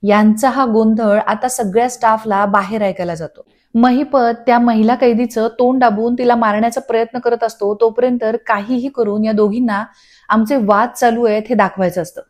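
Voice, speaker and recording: A woman narrating a scripted voice-over recap of a TV serial. Her voice sits a little high, and she moves through the scenes in a steady storytelling manner, close to the mic. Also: moderate pace. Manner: steady storytelling, reading dialogue aloud. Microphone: studio voice-over.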